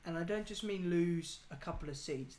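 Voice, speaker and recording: A man's voice: high voice, normal speed, a little mellow. A man from England arguing political opinions in a casual debate, emphatic and ranting. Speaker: political talk show host. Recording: echoey room with faint noise.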